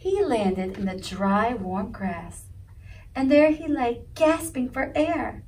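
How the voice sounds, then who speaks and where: A woman's voice: on the high side, expressive, slow, a little mellow, far from the mic, rough recording. A woman leading a children's story time, reading a picture book aloud in a sing-song voice and asking the kids questions. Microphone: video recording.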